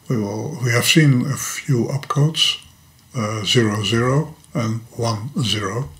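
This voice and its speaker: Speaking with a Dutch accent, this older native Dutch man teaches as a hobbyist, recording his screen while he methodically and patiently works through a computer topic at his desk. He's in a home workshop with electronics, his voice medium-pitched and a bit bright, and he occasionally trips over words.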